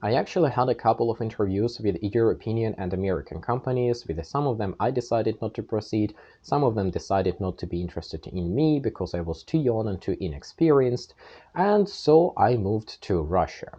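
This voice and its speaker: A young Ukrainian man who hosts a channel earnestly tells the story of his own past in a plain-spoken monologue, with a Ukrainian accent. His fairly low voice is mellow and husky, animated, and moderately paced. The audio sounds dull.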